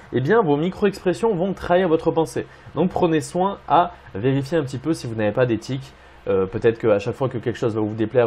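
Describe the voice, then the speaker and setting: A man's voice: mid-range voice, a little mellow. A man coaching job seekers, explaining tips with frequent fillers. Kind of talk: instructional video talk.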